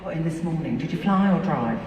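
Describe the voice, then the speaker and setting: A woman's voice: deep voice, animated, a little fast, lo-fi sound. A woman singer bantering with her audience on stage, chatty, cheeky and often giggling. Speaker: singer performing a concert. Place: large indoor concert venue. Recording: distant echoey arena recording, loud crowd.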